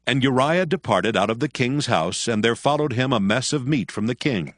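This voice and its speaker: A man narrating scripture from a script in a formal, measured, solemn manner. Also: medium pitch, lively intonation, no echo, clean studio sound. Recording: music behind the voice.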